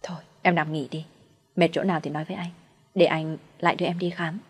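A woman narrator voicing a gentle, honest young husband who talks softly and soothingly. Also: on the low side, quick pace, slightly rough, faint music behind. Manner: soft, soothing.

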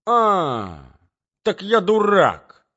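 A man voicing a hot-tempered jilted young gentleman in an audiobook, shouting indignant outbursts. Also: mid-range voice, animated, moderate pace, close to an everyday voice. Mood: furious. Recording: dull lo-fi audiobook recording.

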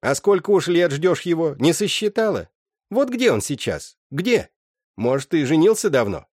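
A man's voice: medium pitch, sing-song, normal speed, a little mellow, no echo, clean studio sound, voice pushed up, close to an everyday voice. A man voicing a scheming old mother witch who scolds and mocks, in an audiobook. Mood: scornful. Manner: scolding, mocking. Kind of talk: audiobook character voice.

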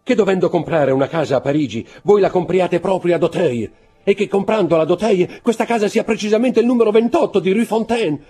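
A man reading an audiobook, voicing a terrified, superstitious male Corsican steward who shouts and pleads desperately. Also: medium pitch, big pitch swings, normal speed, breathy edge, faint music behind, pitched above the performer's own voice. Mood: panicked. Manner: shouting, desperate, trembling pleas.

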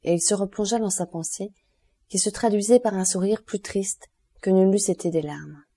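A woman narrating a classic novel as an audiobook, in a steady, even reading manner. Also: mid-range voice, normal speed. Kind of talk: scripted literary narration.

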